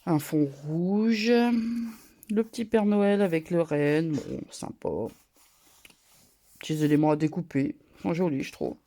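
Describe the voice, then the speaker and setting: Nasal, gravelly woman with a cold. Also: low-pitched, measured pace, pauses often. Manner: talks a bit loud, chatty with fillers. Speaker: scrapbooking vlogger. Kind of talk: casual haul show-and-tell.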